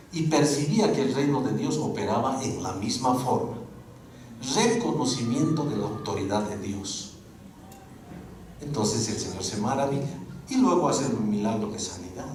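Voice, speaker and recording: A man teaching a Bible course, lecturing a class with lively rhetorical questions. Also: medium pitch. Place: school classroom. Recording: very echoey room, mic far off, faint noise.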